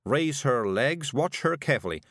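A man voicing a calm, practical woman healer who speaks in a measured, clinical way. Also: medium pitch, no room sound, clean studio sound, voice pushed up.

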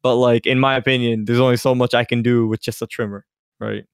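A young man joking on a podcast, playful and self-mocking, his voice often jumping up in excited bursts. The pitch is ordinary and the sound is dry and close-miked. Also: fast, vocal fry, smooth, dry recording. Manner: jokey, self-mocking, animated. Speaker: podcast co-host. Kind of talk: casual chat.

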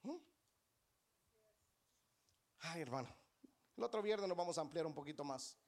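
Woman, preacher, sermon, animated, acts out dialogues, questions the congregation, bouncy pitch. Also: moderate pace.

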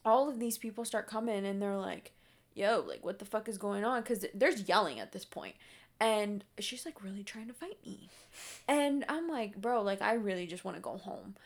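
A young woman vlogger telling a story in casual chat, animated, with lots of fillers and swearing. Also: mid-range voice, normal speed.

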